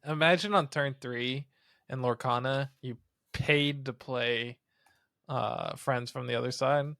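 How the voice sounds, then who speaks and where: A man's voice: mid-range voice, fairly even intonation, unhurried, creaky, fairly bright tone, no room sound, clean studio sound. A man co-hosting a casual card game podcast, thinking aloud and floating ideas. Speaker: podcast co-host. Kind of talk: casual chat.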